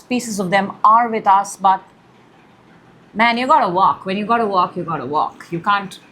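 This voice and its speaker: A young woman hosting a casual tarot reading at home, excitable and gushing, with loud bursts and soft murmurs. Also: mid-range voice, slight background noise. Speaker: tarot reader, channel host. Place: room in her home.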